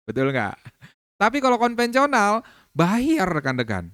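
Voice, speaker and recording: A man with an Indonesian accent giving a motivational business training talk, lively and acting out quoted dialogue with laughs. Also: sits high, takes it slowly, smooth, no echo, studio quality.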